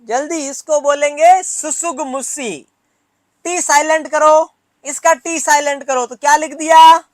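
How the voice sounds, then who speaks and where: A man's voice: very high-pitched, fairly even intonation, unhurried, dry recording. A man from Rajasthan teaching a nursing exam class in mixed with English terms, drilling students with repeated questions and teasing them. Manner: mixes Hindi with English terms. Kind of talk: classroom lecture.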